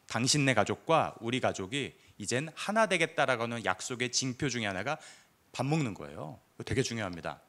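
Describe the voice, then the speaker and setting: Male pastor, young adult, bright and lively delivery, preaches in church, acts out short quotes along the way. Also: mid-range voice. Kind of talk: sermon.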